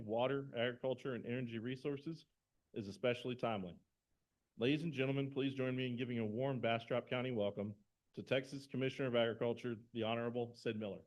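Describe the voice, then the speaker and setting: A man's voice: medium pitch, fairly even intonation. Formal man introducing a town hall speaker. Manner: measured and formal, reading prepared remarks. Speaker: event moderator introducing the speaker.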